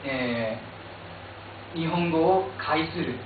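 Japanese-accented man moderating, echoey and distant. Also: a little high. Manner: halting, many fillers and restarts in English. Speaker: panel moderator. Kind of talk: bilingual panel moderation. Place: small meeting room indoors. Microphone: stand mic, filmed from far camera. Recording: echoey, distant, phone-like hiss.

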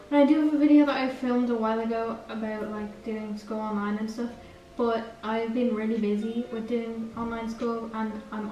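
Teen girl rambling away while baking, bit high voice, roomy kitchen sound from the camera far off. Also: a little mellow. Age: teens. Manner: rambling, chatty, self-correcting. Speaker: vlogger. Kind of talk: casual baking vlog chat. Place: home kitchen, indoors. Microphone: camera across the kitchen. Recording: roomy kitchen echo, distant camera mic, background music.

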